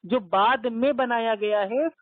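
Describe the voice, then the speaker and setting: A man's voice: very high-pitched, unhurried, dry recording. Patient man arguing over a tinny phone line. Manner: patient, explains with repeated everyday examples. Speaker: debater questioning the other caller. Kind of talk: religious debate over a phone call.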